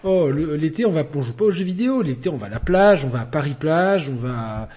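A man hosting a casual gaming podcast, animated and joking, with quick asides. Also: a little high, slightly rough. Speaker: podcast host.

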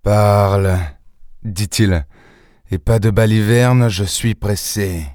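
A man reading an audiobook, voicing a furious, gruff police inspector who mutters through his teeth. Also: lowish voice, steady tone, slow, a little mellow, no room sound, studio quality. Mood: angry. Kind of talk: audiobook character voice.

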